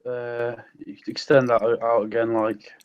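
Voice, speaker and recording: A man's voice: medium pitch, monotone, measured pace, clean tone, highs cut off. A man co-hosting a casual podcast chat, who hedges and fills his thoughts with ums and restarts. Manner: hesitant, many ums and restarts. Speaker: podcast co-host.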